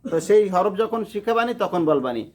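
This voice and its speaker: A Quran teacher, slowly drilling a class on letter sounds and urging them to repeat louder. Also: medium pitch, animated. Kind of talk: classroom lesson on letter pronunciation. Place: noisy classroom with students. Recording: noisy classroom with crowd chatter.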